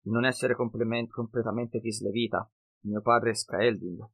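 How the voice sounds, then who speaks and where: A man voicing a cunning half-blood northern wanderer who speaks slow, broken, ungrammatical sentences in an audiobook. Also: fairly low pitch, flat delivery, husky. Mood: cunning, earnest.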